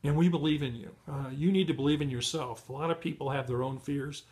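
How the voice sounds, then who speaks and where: A middle-aged man giving a motivational training talk to beginners, encouraging and full of fillers and restarts, his voice going hoarse. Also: on the high side, steady tone, quick pace, a little mellow. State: losing his voice. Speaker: online marketing trainer.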